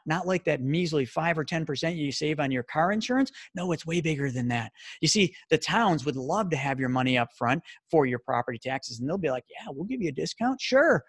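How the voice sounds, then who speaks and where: A man giving an energetic sales presentation as a financial presenter. He talks rapidly and excitedly, firing off rhetorical questions. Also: fairly high pitch, breathy edge, no echo, studio quality.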